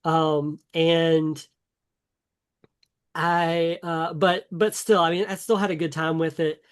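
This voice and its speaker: A man's voice: on the high side, flat delivery, slow pace, clear, resonant tone. A man co-hosting a casual gaming podcast, talking in an enthusiastic, rambling way with many fillers and restarts. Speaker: podcast co-host.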